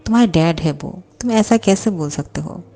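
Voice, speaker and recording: A doting, caring parent coaxing her son to eat, voiced by a woman reading a storybook. Gentle reproach in a low, warm, mellow voice. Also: lively intonation, normal speed. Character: caring, doting parent figure called mom.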